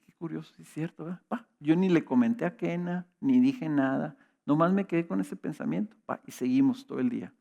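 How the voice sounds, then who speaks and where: A middle-aged man preaches, his voice a little high for a man and gravelly. He tells personal anecdotes in a relaxed, conversational way, often checking in with his listeners through quick rhetorical questions. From Mexico. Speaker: pastor. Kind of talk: sermon with personal storytelling.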